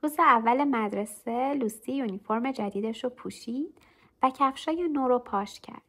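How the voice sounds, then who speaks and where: A woman narrates a simple children's story in a gentle, even storytelling manner. Her voice sits slightly high, and she reads clearly and calmly.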